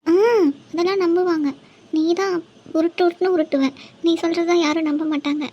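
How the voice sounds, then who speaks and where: A woman's voice: very high-pitched, steady tone, brisk, darkish tone, muffled recording. A woman voicing a playful young woman who teases her sweetheart in a cartoon love story. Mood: teasing. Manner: teasing, bossy banter. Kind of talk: cartoon voice acting.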